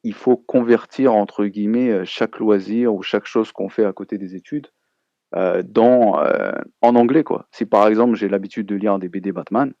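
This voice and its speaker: A host leads a casual live chat in a gravelly, fairly low voice, speaking hesitantly with lots of pauses and fillers. The lo-fi recording sounds dull and has no echo.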